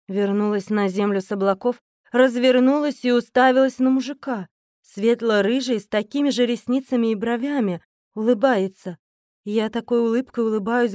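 Expressive female audiobook narrator, slightly high voice, dry studio sound. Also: no echo. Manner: lively, expressive reading. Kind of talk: first-person audiobook narration.

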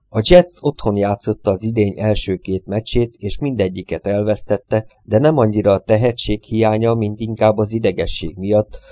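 Deep, mellow male audiobook narrator.

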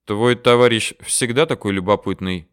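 A man voicing a calm, terse male deserter commander who talks low and dry. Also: normal speed, clear, resonant tone, close to an everyday voice.

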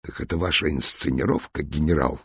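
A man's voice: extremely low pitch, fairly quick, a bit bright, slightly rough, no room sound, clean studio sound, exaggerated voice. A man voicing a frightened, indignant English male spy in an audiobook. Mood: flustered. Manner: indignant, panicky.

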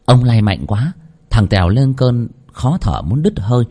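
A man's voice: mid-range voice, big pitch swings, normal speed, dark tone, slightly rough. A man reading a horror story aloud in a dramatic, vivid narration.

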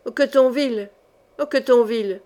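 A vengeful phantom voice calling names out of the darkness and swearing death, as a woman reads it. Its cries are pitched fairly high. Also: moderate pace, natural voice. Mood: menacing. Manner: menacing shouts. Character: vengeful phantom voice crying out from the dark.

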